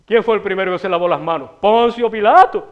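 A man's voice: sits high, fairly quick, muffled recording. A middle-aged man with a Canarian Spanish accent, hosting a local TV show and delivering a rambling, swear-filled comic monologue with big gestures in a small studio. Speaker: TV show host. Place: small TV studio with a city backdrop.

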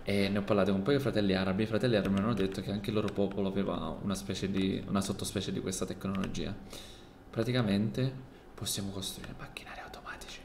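A young man with a gravelly, creaky voice, roleplaying a mayor in a casual, joking way. His voice sounds roomy and echoey, with a faint hiss underneath. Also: sits low, very fast. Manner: animated, joking, excitable. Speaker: streamer playing a mayor in a roleplay server. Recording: echoey room, faint background noise.

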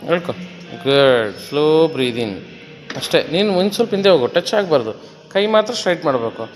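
A man's voice: a little high, expressive, a little fast. A man coaching his wife through a gym workout, giving short commands and counting reps. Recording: echoey gym hall with faint music.

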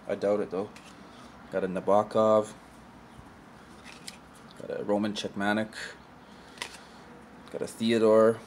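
A fairly low, darkish male voice with a little hiss or hum belongs to a young card collector vlogger. In a room at home beside a shelf of collectibles, he casually showcases old cards, speaking offhand into a camera mic on the table and frequently trailing off.

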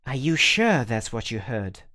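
A man voicing a young, earnest and proper female pony in an audiobook reading, in a high, swooping voice. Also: a little slow. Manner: indignant, high and lively voice. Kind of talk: audiobook character voice.

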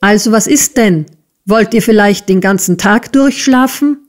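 Audiobook figure: woman doing a cruel male schoolmaster, loud, sneering, pitched up high and pushed. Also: a little slow, natural voice. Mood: raging. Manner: shouting, sneering and bullying. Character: brutal bellowing male schoolmaster. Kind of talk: audiobook character reading.

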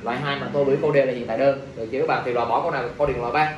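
A man's voice: medium pitch, rapid-fire, highs cut off. A male teacher, running an exam review class and quizzing students with jokes. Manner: lively, jokes with students, asks the class questions. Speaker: English teacher. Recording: echoey room, faint ambient noise.

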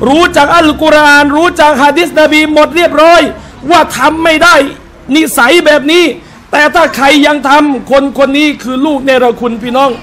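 A man's voice: very high-pitched, normal speed, a bit bright. A man preaching a sermon to a live audience, telling personal anecdotes and calling out to his listeners as brothers and sisters. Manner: tells personal anecdotes and acts out short quotes. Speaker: Islamic religious teacher. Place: restaurant hall with a live audience.

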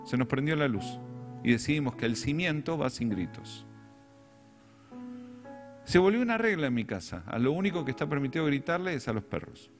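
Using a mid-range voice, this middle-aged Rioplatense Spanish-accented man delivers a sermon as a pastor, weaving in stories that poke fun at himself.

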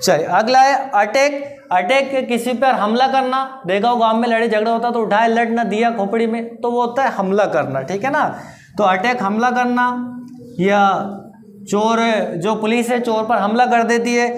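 A teacher giving a grammar lesson, asking rhetorical questions, answering them and slowly repeating each answer. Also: medium pitch. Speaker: English teacher. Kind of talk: classroom-style grammar lesson. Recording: roomy echo with faint background noise.

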